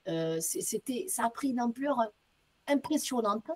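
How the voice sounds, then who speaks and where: A woman medium, interviewed as a guest, telling stories in a casual, lively way, acting out bits of dialogue and using casual slang. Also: a little high, a little slow. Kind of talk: casual storytelling.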